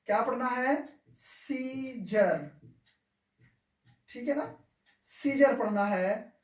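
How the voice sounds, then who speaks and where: A woman's voice: a little high, a little slow. A woman teaching an English lesson, repeating each point and checking that her students follow. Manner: repeats points, asks "clear?" often. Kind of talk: classroom-style lesson. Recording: echoey room, mic far off.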